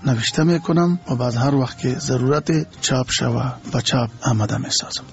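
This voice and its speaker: An older man, a poet speaking Dari with an Afghan accent, answers interview questions in a formal and reflective way. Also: medium pitch. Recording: muffled radio broadcast.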